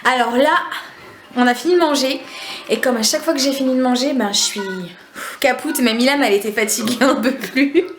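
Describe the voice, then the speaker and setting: A young woman with a regional French accent, vlogging casually into a handheld camera, chatty and quick to laugh. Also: high-pitched, background noise. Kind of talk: casual vlog chat.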